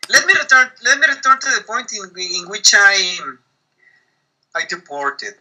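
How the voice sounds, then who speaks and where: Bright, high-pitched man explaining slowly. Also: animated, low-quality recording. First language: K'iche'. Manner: slow, searching for English words, patient explaining. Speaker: Maya spiritual guide, guest. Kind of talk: teaching interview over a call.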